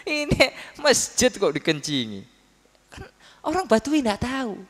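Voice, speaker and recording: A man giving a religious study talk, telling stories with lively acted quotes and often addressing his listeners as "Pak". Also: extremely high pitch, a little slow. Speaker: preacher. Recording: long hall reverb.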